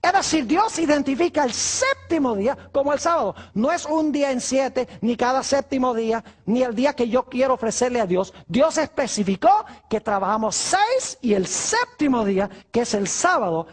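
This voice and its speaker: A man's voice: extremely high pitch, big pitch swings, normal speed, few pauses. A male pastor preaching a sermon, asking his congregation rhetorical questions.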